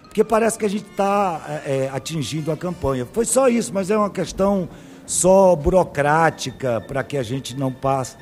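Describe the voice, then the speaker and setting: A man's voice: on the high side, normal speed, faint music behind. A man with a Northeastern Brazilian accent hosting a radio call-in show, talking with listeners in an affable, reassuring way. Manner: affable, reassuring, defends himself calmly. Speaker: radio host.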